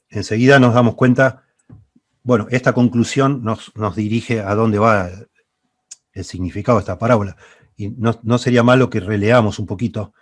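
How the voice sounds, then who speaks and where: A man's voice: lowish voice, dry recording, studio quality. A man teaching a church Bible class, reading scripture aloud and explaining it while repeating key phrases.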